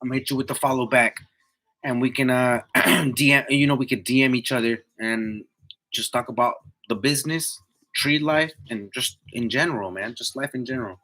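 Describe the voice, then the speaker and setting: This livestream host, a tree climber in his twenties, keeps it casual, slangy and motivational with live viewers, repeating himself for emphasis. He has a medium pitch at normal speed, sounding pushed and bright.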